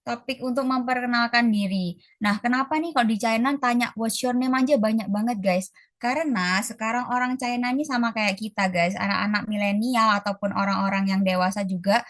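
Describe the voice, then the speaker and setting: A woman tutoring an online class, chatting casually and stretching out model phrases slowly. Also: fairly high pitch, no room sound, studio quality. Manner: slow, drawn-out model pronunciations; casual, chatty teaching, calls students guys. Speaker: Mandarin tutor. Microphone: video call.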